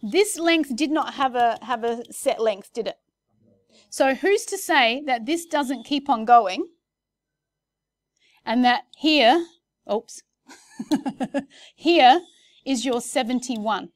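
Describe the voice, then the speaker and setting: Woman teaching a class, slightly high voice, chatty and self-correcting, recorded dry. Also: lively intonation, slow pace, long pauses, dry recording. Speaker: maths teacher. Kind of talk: classroom lesson.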